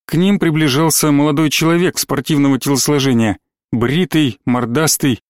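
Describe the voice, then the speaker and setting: A man narrating an audiobook story in a measured storytelling manner. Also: a little high, fairly even intonation, no room sound, studio quality. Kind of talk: scripted narration.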